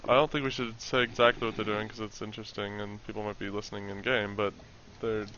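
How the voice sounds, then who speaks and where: A man with a low voice gives rapid, analytic game commentary and often lets his sentences trail off. His dull, lo-fi chat audio carries a faint hiss. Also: little pitch movement, bright, forceful tone. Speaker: tournament commentator. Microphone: online voice chat mic.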